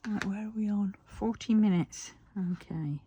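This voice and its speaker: A British woman chatting casually while crafting, musing half to herself in a husky, breathy voice. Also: medium pitch, normal speed, dark tone, slight background noise.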